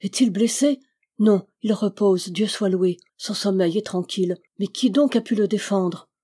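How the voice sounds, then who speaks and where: A feverish, devout young noblewoman, read by a woman narrator, her words urgent and prayerful. The voice is warm and mellow rather than bright, only lightly set apart from the narration. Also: medium pitch, unhurried, slightly rough. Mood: alarmed.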